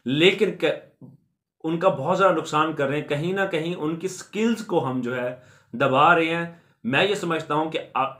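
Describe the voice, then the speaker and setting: A man's voice: a little high, fairly bright tone. A man from Pakistan hosting an education channel, earnestly explaining to viewers in a repetitive way and mixing in many English terms. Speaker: YouTube education channel host.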